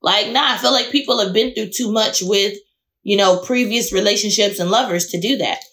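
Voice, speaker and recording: A woman co-hosting a casual chat podcast, giving firm opinions in drawn-out phrases. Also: mid-range voice, a bit bright. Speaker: podcast co-host.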